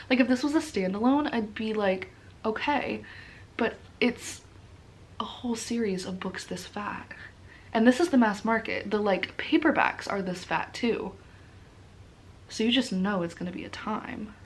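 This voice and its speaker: A tired woman chatting casually to camera as a book vlogger, informal, rambling and self-deprecating. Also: a little high. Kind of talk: casual rambling chat to camera about books.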